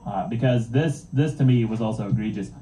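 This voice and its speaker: A man's voice: fairly low pitch, fairly quick, mellow, far from the mic, slight background noise. A man in casual podcast chat, ranting profanely and animatedly. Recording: roomy echo.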